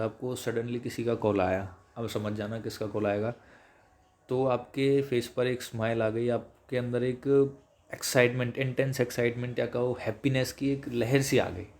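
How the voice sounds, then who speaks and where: A man teaching English vocabulary in a chatty lecture, switching between Hindi and English and slowing down to read English definitions. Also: medium pitch, darkish tone. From India.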